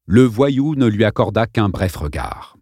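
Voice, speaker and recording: A man reading a novel aloud as an expressive audiobook narrator. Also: on the low side, measured pace, no room sound, clean studio sound. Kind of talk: scripted narration.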